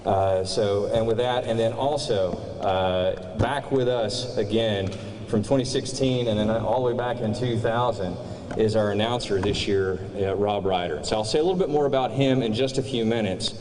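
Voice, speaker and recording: A man giving an informal, enthusiastic, halting welcome speech as a military commander. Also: fairly low pitch, darkish tone. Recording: echoey hall, faint background noise.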